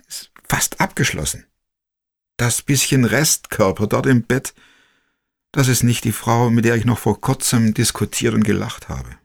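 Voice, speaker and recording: A man narrating a personal story in the first person, slow, quiet and reflective. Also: medium pitch, vocal fry.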